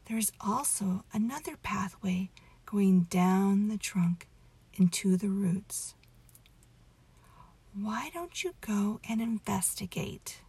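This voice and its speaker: A woman softly leading a guided meditation story in a hushed, soothing half-whisper, intimate as if right by your ear. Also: mid-range voice, dry recording. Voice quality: soft, breathy, half-whispered. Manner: gentle, drawn-out delivery.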